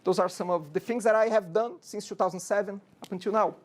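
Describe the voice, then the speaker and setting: Talking at a quick pace in a high voice, a programming instructor from Brazil lectures informally to a university class. The man, in his forties with a Brazilian accent, keeps checking in with "okay?" and rhetorical questions.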